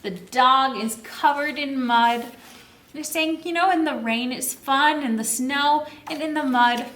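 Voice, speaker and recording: Somewhat slowly and in a high, fairly bright voice, a woman reads a picture book aloud for children, explaining it plainly and supplying answers to her own questions. The echoey recording, made from a distant microphone, carries a faint hiss or hum.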